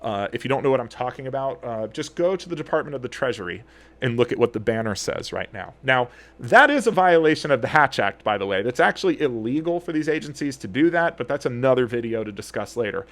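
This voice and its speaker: A man giving an earnest, animated explainer commentary as an attorney and commentator. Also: mid-range voice, quick pace. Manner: earnest, animated, gets heated.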